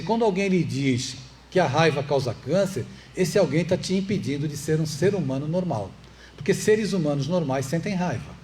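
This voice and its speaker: A man's voice: high voice, a little mellow, a little hiss or hum. A man with a Brazilian Portuguese accent giving a public lecture at a spiritist center. He speaks conversationally, asks the audience rhetorical questions and adds light jokes. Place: meeting hall of a spiritist center.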